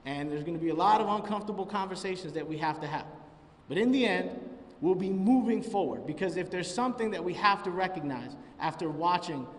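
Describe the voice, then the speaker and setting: A man's voice: high voice, animated, brisk. A man giving an earnest, emphatic speech at a press conference as a state senator. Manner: earnest, emphatic public speaking. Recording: echoey hall from far off.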